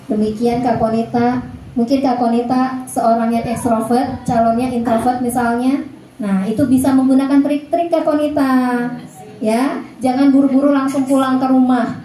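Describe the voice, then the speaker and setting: A woman's voice: high-pitched, little pitch movement, normal speed, dark tone, roomy sound, a little hiss or hum, poor audio. A woman religious teacher giving a chatty informal lecture to mothers, often checking in with her listeners. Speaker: Islamic teacher.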